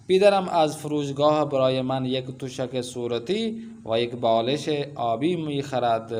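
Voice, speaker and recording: A man teaching Persian in an online lesson. He reads Persian sentences aloud and then explains them slowly, with many filler sounds. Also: mid-range voice, a little mellow.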